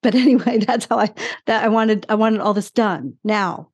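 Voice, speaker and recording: A woman in her sixties with a medium-pitched voice shares her personal story in an interview. She is candid and emphatic, repeating short phrases to drive points home, in a conversational way. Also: moderate pace, slightly rough. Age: 60s. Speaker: interview guest.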